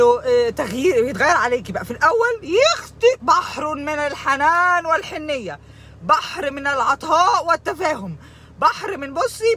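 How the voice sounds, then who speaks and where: A woman's voice: high voice, a bit bright, slight background noise. A young Egyptian woman with an Egyptian Arabic accent, hosting a video and ranting dramatically, sometimes sliding into mock sobbing and dropping in English words. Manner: mixes English words into speech. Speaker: video host. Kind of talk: comedic emotional rant.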